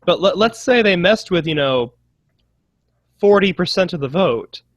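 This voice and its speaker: A man's voice: sits high, animated, unhurried, no room sound. A man co-hosting a political podcast, talking casually with frequent restarts and ironic asides. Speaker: podcast co-host.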